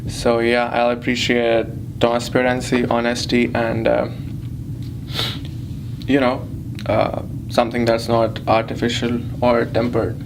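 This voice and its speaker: A man in his twenties being interviewed in an elevator, speaking thoughtfully with many pauses. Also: medium pitch, completely flat delivery, vocal fry, background noise. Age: 20s. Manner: thoughtful, hesitant, reflective. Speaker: interviewee, doctor. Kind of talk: casual conversation.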